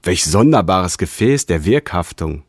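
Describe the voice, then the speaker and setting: A man voicing a formal alien expedition leader who gives clipped orders in a raised, louder voice. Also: low voice, big pitch swings, measured pace, no room sound, studio quality, full character voice. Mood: astonished.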